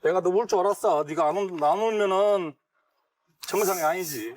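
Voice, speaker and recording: An older man, a stepfather talking bluntly and gruffly with his daughter in a documentary. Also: high-pitched, normal speed. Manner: gruff, blunt, teasing banter. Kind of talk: casual family talk.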